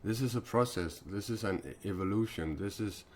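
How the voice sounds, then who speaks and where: A Danish man in his forties hosting a spiritual live stream, talking haltingly with many fillers and restarts. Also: fairly low pitch, slight background noise. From Denmark.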